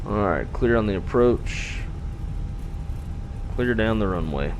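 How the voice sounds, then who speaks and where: A man's voice: on the low side, slow, low-quality recording. A man speaking as an airline pilot on a headset, giving clipped procedural callouts and radio readbacks. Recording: loud steady cockpit hum.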